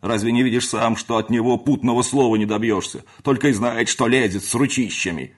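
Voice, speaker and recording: A man voicing a sharp-tongued housemaid who scolds and shouts with scorn, in an audiobook reading. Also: fairly low pitch, a little fast, natural voice. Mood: tearful anger. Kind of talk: audiobook character voice.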